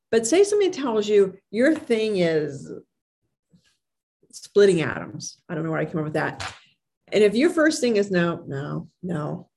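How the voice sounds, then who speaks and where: A woman's voice: fairly high pitch, darkish tone, slight background noise. A woman confidence coach giving an emphatic motivational talk, with imprecise R and S sounds, occasional stumbles over words and phrases repeated for effect. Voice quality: speech impediment on R and S sounds. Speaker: confidence coach and public speaker. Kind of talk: motivational talk with personal anecdotes.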